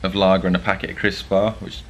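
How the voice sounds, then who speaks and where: A man's voice: low voice, flat delivery, fast talker, slight background noise. A young man hosting a casual vlog, chatty and joking with plenty of fillers. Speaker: vlog host. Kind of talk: casual vlog chat to camera.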